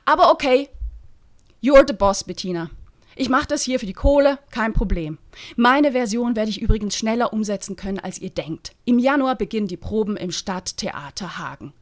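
A woman's voice: medium pitch, animated, normal speed, voice pushed up, natural voice. A woman voicing a vain, provocative male actor who talks boastfully and theatrically. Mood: smug. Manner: boastful, theatrical, pushing his own ideas.

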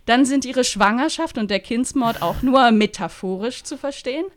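A woman's voice: fairly high pitch, normal speed, pitched above the performer's own voice, close to an everyday voice. Bettina is a dry, commanding theatre director who keeps her actors in line. She speaks firmly in a voice close to the reader's own, as a woman puts her on. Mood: sarcastic.

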